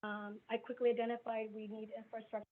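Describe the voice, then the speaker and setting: This Midwestern woman in her forties speaks fast, her voice on the high side and her tone level, as she gives a frank, chatty self-introduction as a business coach. She's on a video call, and the audio is thin and phone-like with a little background noise.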